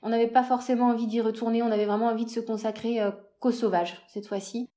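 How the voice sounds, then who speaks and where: A woman being interviewed, chatting casually about a trip, animated and full of hesitations and repeated words. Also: on the high side, fast. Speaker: interview guest recounting a road trip.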